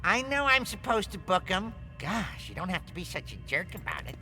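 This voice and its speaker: Chief Wiggum, a bumbling cartoon cop. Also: male voice, high voice, sing-song, moderate pace, music in the background. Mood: blustery. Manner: bumbling, blustery, nasal. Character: dim, blustering middle-aged police chief and coach.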